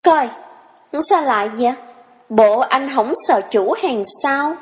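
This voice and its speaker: A woman's voice: high voice, lively intonation, darkish tone, in a large hall. A woman playing a sassy young farm girl. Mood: scolding. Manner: teasing, quick-tempered scolding. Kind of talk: audio drama reading.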